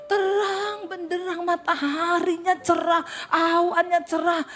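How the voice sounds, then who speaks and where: A woman's voice: extremely high pitch, level tone, measured pace, a bit bright. A woman pastor from Sulawesi, telling a vivid story in a sermon and acting out her prayers dramatically.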